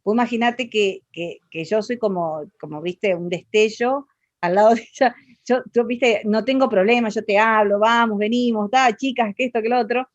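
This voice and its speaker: Argentine woman, Argentine Spanish accent, expressive and chatty, interview talk, dry close sound, slightly muffled. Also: on the high side, normal speed, no echo. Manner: expressive, animated, many fillers and restarts. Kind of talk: casual conversational interview.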